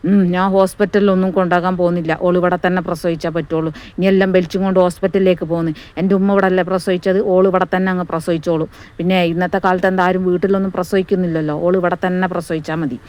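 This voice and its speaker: A man playing a stubborn husband who keeps insisting in a flat voice. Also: high voice, racing, smooth, lightly acted. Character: stubborn husband, dismissive, refuses hospital.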